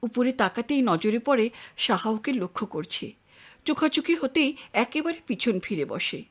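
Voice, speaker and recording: A woman narrating a literary audio story in a measured reading voice. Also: a little high, big pitch swings.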